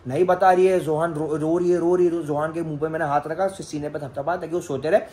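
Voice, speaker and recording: A man hosting a casual home vlog, telling a story in an animated way and often calling viewers "guys". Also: on the high side, fast talker. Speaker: vlogger host.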